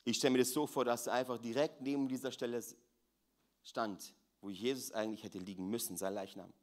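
A man's voice: medium pitch, steady tone, brisk. A man preaching a sermon, dropping to near-whispers and rising to fervent, raised appeals, repeating key phrases for weight. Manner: dramatic swings between hushed and raised voice, repeats phrases.

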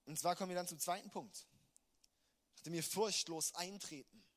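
Male preacher, high bright tone, emphatic sermon delivery with big swings in loudness. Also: normal speed. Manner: emphatic, swings from quiet to loud passages.

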